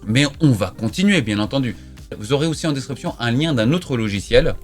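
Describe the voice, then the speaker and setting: A tech YouTuber with an expressive, mid-range voice talks briskly through a casual screen-recorded tutorial, faint music behind him. He's chatty and emphatic, constantly dropping fillers like "voilà" and "donc."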